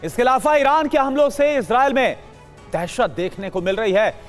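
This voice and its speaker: A woman's voice: fairly high pitch, moderate pace, faint music behind. A woman anchoring a live television news broadcast, reading breaking updates and putting questions to guests.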